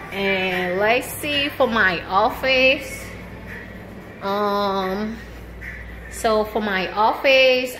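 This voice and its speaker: On a rough recording, a service member shows off her nearly bare apartment in a laid-back vlog, filming it indoors on a handheld phone from off-screen. She talks slowly at a medium pitch, relaxed and chatty, laughing frequently between remarks.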